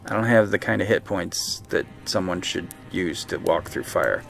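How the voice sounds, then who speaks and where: A man streaming a game live, excitably talking to his units and chatting with viewers. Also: low-pitched, normal speed, creaky, faint music behind. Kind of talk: live let's-play commentary.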